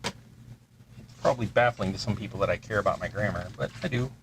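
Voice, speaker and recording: In poor audio with slight background noise, a Texan terrain-crafting host talks fast in a fairly low, gravelly voice with a fairly bright tone. He rambles casually and mutters to himself while working on his miniatures.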